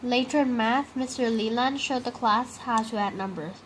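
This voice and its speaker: The storybook reader here, a woman whose pitch is fairly high, tells a children's picture book aloud at a moderate pace. Her rough recording carries a clear, constant hum of background noise.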